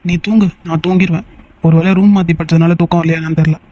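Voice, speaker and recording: A voice actor dubbing a teasing, easily annoyed young man in a cartoon, talking in fast, bickering banter. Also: mid-range voice, fairly even intonation, dark tone, dull audio, close to an everyday voice. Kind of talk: cartoon voice dub.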